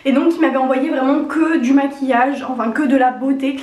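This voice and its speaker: In a fairly quick, darkish, high voice with fairly even intonation, a young beauty vlogger rambles informally through a makeup review. She's getting over a cold, which leaves her sounding slightly honking and duck-like, and she's recording in an echoey, untreated room.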